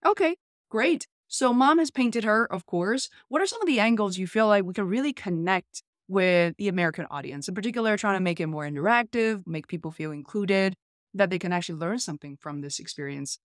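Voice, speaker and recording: In a small room at home, a chatty woman demonstrates an app, talking casually to the camera and her phone and thinking aloud as she goes. Her medium-pitched voice is fairly quick, and the recording is dry and close.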